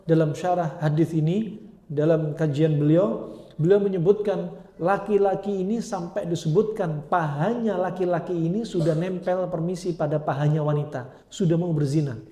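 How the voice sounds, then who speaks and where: Male preacher, high mellow voice, casual storytelling lecture, roomy echo. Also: steady tone, moderate pace. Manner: colloquial storytelling with Arabic phrases. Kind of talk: Islamic study lecture.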